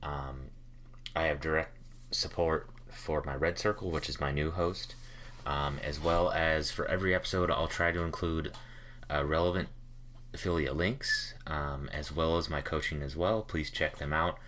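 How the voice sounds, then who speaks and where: A man's voice: extremely low pitch, fairly even intonation, moderate pace, fairly bright tone, a little hiss or hum. A man hosting a podcast, asking questions casually with many ums and uhs. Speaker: podcast host.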